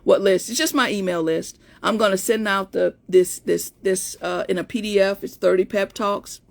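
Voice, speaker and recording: At normal speed and medium pitch, a woman of about fifty with a creaky, not very feminine voice chats with live-stream viewers. As a life coach, she tells a personal story, restarting many times along the way.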